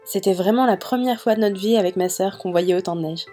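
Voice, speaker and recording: Mellow-voiced woman narrating casually over music. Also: medium pitch, a little fast. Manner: chatty, informal. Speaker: vlogger narrating a family holiday video. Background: background music.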